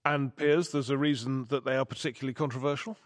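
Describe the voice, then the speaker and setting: A man hosting a radio news programme in front of a live audience, guiding the panel with brisk questions. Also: medium pitch, steady tone. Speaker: host. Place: college hall with live audience.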